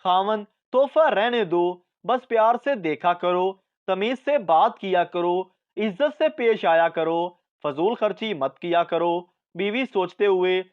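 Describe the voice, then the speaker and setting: A man reading out a string of short jokes as the narrator, with a measured delivery of the punchlines. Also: sits high, animated, clear, resonant tone, highs cut off. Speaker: joke narrator.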